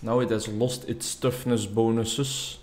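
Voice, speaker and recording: A young native Dutch speaker from the Netherlands or Flanders, a gaming YouTuber, gives casual commentary over his gameplay. His voice sits on the low side and is darkish, with a level tone and measured pace. He rambles in a reflective, self-deprecating way.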